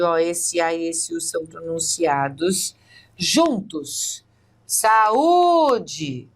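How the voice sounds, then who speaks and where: A woman with a Brazilian Portuguese accent giving an online exam-prep lesson, explaining step by step and often checking in with the viewer. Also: fairly low pitch. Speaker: teacher.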